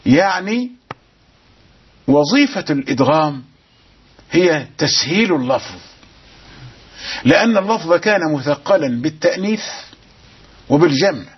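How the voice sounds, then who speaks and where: A man teaching Quran recitation rules, explaining quickly and chanting verses slowly and melodically. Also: on the high side, very animated, breathy edge. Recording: dull lo-fi broadcast sound.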